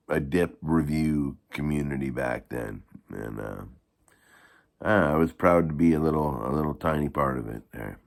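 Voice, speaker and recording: A man with a gravelly voice giving a rambling, halting, casual product review in the manner of a video blogger. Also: extremely low pitch. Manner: halting, rambling delivery with repeated false starts.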